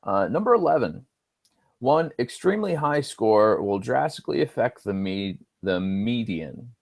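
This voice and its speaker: A man's voice: medium pitch, big pitch swings, measured pace, vocal fry, dry recording. A male instructor talking through homework answers on screen, casual and thinking aloud with dry little asides. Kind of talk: screen-recorded homework walkthrough.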